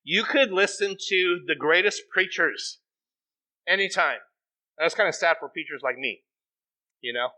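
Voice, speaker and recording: A middle-aged man preaching a sermon as pastor, animated and acting out quoted voices. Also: on the high side, a little slow, pauses often, low-quality recording. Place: church sanctuary.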